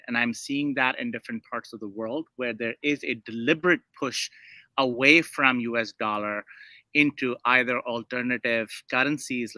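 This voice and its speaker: A man from Saudi Arabia answers interview questions in a measured, hesitant way, pausing often on fillers. His voice is very bright and forward, recorded close and dry with no room sound. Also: medium pitch, no room sound. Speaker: guest.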